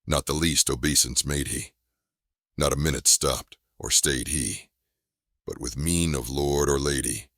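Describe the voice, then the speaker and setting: Male poetry reader, extremely low and firm voice, solemn theatrical delivery of gothic verse, close dry sound. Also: pushed and bright, no room sound. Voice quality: deep firm voice. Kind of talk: dramatic recitation of a gothic narrative poem.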